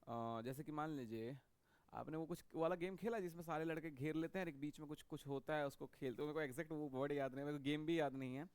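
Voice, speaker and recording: A male biology teacher gives a lecture. He talks at a somewhat raised pitch and often repeats terms while checking in with students. His voice is close and dry, with almost no room sound. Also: fairly even intonation, fast, a little mellow, smooth, no echo. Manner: repetitive, checks understanding with frequent "okay". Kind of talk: classroom lecture.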